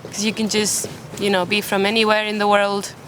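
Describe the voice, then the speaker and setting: Chatting casually as an interview guest on a podcast, this young native Spanish speaker from Málaga uses a British accent. Her mid-range voice is flat, fairly quick and fairly bright. The recording, made in a city park, carries faint outdoor traffic and park noise.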